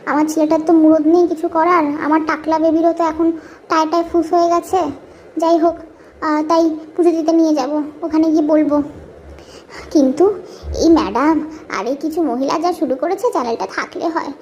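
A woman playing a scheming, money-hungry vlogger mother with a hoarse voice, chattering brazenly to her viewers in a satirical live-stream parody. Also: very high voice, steady tone, a little fast, darkish tone, highs cut off, a little hiss or hum.

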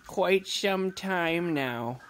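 A man's voice: high voice, lively intonation, extremely slow, heavy background noise, heavily acted. Man putting on a sweet, doddering old lady. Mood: chatty, sweet. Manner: rambling, hesitant, sweetly doddering. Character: chatty, muddled, sweet lonely old lady. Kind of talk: improvised prank phone call. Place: small indoor room at home. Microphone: phone camera at arm's length.

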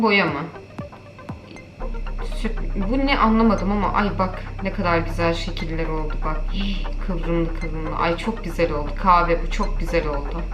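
A young woman chatting casually as she reacts to videos, exclaiming and complaining. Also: lowish voice. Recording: echoey room with music behind.

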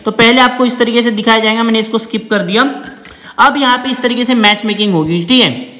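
A man's voice: very high voice, fairly quick, pushed and bright. A man chattily walking viewers through a phone app as he taps through it, often calling them brother. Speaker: app reviewer. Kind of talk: screen-recorded app walkthrough. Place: indoor room, table with phone. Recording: echoey room with long reverb.

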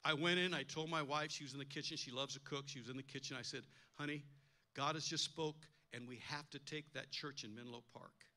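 A man's voice: on the high side, steady tone, a little fast, bright, forceful tone. An older man preaching a sermon as a pastor, telling a personal story with emphatic delivery, acting out the voices he quotes and often repeating words. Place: church.

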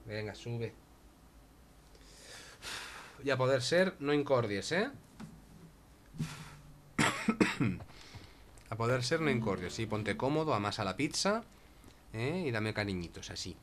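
A man's voice: on the low side, lively intonation, a little slow, pauses often, slight background noise. A man with a Spain Spanish accent giving casual gameplay commentary, chatty and talking to himself and his cat. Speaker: gaming YouTuber.

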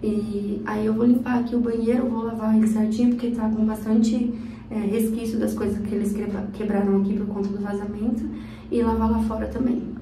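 A young Brazilian woman talks to her viewers like friends in a casual home vlog. Her voice is soft-edged and mellow, a little hoarse from an inflamed throat, with little rise and fall. It is picked up by a phone some way off in a roomy, reverberant space. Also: a little high, level tone, fairly quick. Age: 20s. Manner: chatty, confiding, addressing viewers as friends. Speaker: homemaker vlogger. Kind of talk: casual household vlog chat. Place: small tiled bathroom and other rooms at home. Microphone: phone camera, sometimes set back across the room.

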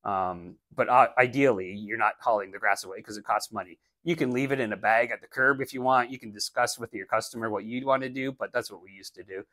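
In a small indoor studio with a plain backdrop, a landscaping business owner in his forties gives a casual how-to talk to camera, blunt and practical, gesturing animatedly. His voice is on the low side and a little fast with few pauses, recorded dry on a lapel mic.

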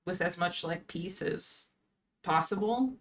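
Low-voiced woman in her twenties. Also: slow. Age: 20s. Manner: earnest, thinks aloud. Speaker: podcast host. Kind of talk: casual chat. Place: home streaming room.

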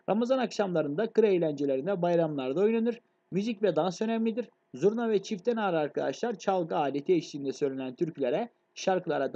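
Fast-talking man teaching a review lesson. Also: sits high, dark tone, lo-fi sound. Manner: fast, addresses students as friends, frequent checks. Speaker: literature teacher. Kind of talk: exam review lecture.

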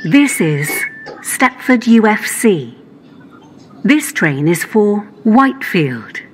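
A woman's voice: big pitch swings, takes it slowly. A woman's recorded train announcements, with the words spliced together into evenly paced phrases that have uneven joins. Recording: train announcement with loud rumble. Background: train running noise.

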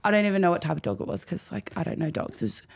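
A woman's voice: on the low side, very animated, very fast, gravelly, a little mellow. A woman co-hosting a podcast, telling a long story in casual chat and rambling with many "like"s. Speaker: podcast co-host.

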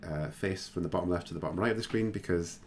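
A man hosting a screen-recorded software tutorial, talking casually and thinking aloud with plenty of fillers. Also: deep voice, quick pace, slight background noise. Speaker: tutorial host.

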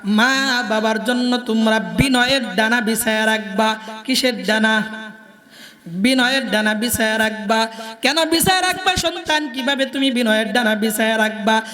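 A man's voice: high-pitched, moderate pace, sharp tone, big-room sound, faint music behind. A man preaching a sermon in a Jamalpur Bengali accent, in a singsong delivery that keeps quizzing the crowd.

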